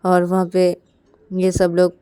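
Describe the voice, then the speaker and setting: A woman's voice: lowish voice, completely flat delivery, takes it slowly, warm tone, smooth, no echo. A woman narrating a love story in a casual, plain storytelling manner.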